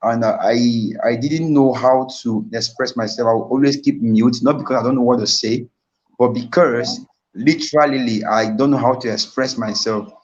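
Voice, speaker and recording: A man's voice: mid-range voice, fairly even intonation, normal speed, a little mellow, lo-fi sound. A young man with a Nigerian accent giving a motivational talk on a live stream, telling his own story earnestly and repeating key points to his audience. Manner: earnest, repetitive storytelling, addresses the audience directly. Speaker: invited speaker.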